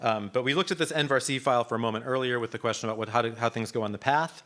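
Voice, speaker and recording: Male instructor, mid-pitched, casual live-demo delivery with fillers and restarts. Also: rapid-fire, a bit bright. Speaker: workshop instructor. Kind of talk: live coding workshop.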